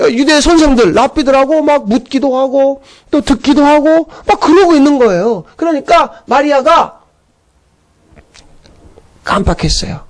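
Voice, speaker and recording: A male pastor giving a Sunday sermon, telling the story in a lively, animated way with acted-out outbursts. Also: very high-pitched.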